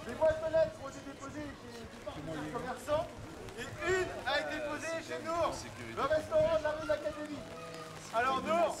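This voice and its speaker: Man performing as a high-pitched street town crier. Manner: loud, drawn-out, declamatory calling. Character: town crier proclaiming residents' messages to the street. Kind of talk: town crier's public proclamation. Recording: outdoor street with loud crowd. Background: busy crowd in an urban street.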